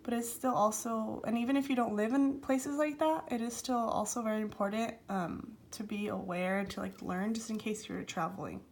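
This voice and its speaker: A woman's voice: fairly high pitch, fairly even intonation, moderate pace, hardly any pauses. A young adult woman giving a scripted student presentation with informal, somewhat hesitant asides.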